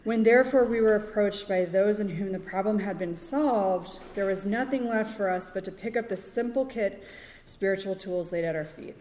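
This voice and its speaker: Woman recovery speaker, halting, chatty fillers, small laughs, recorded in a reverberant hall. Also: medium pitch, darkish tone. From Connecticut, USA. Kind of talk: personal recovery testimony. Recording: echoey hall with long reverb.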